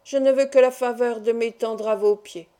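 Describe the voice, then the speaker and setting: A woman voicing a suave young nobleman who speaks softly and courteously, yet firmly. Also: a little high, fairly even intonation, normal speed, natural voice. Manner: soft, courteous, commanding.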